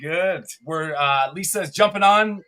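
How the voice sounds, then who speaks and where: A man's voice: high voice, takes it slowly, bright, forceful tone, clean tone. A man from Canada co-hosting a live podcast, chatty and upbeat, often laughing as he rambles. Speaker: podcast co-host.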